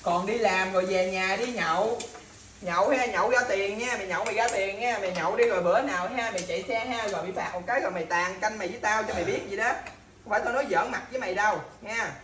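In this echoey recording with faint noise behind it, a scolding spouse bickers casually with her partner at home. She speaks quickly at a medium pitch with a slightly bright tone, restating the same complaints and idle threats over and over.

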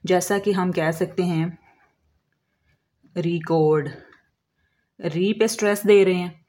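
Slow, deliberate woman teaching a lesson. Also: on the low side, steady tone, a little mellow. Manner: slow, deliberate, drawing out English example words; asks questions and answers them herself. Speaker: English teacher. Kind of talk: explaining lesson.

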